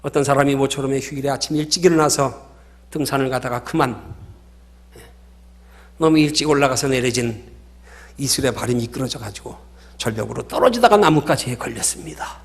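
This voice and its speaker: A man's voice: mid-range voice, fairly quick, pauses often. A male pastor preaching a sermon, emphatic and full of stories.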